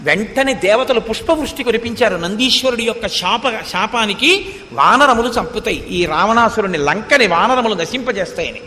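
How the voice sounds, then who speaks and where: A man giving a devotional sermon as animated storytelling, reciting old verses between retellings. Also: high-pitched, normal speed, big-room sound, slight background noise. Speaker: religious discourse speaker.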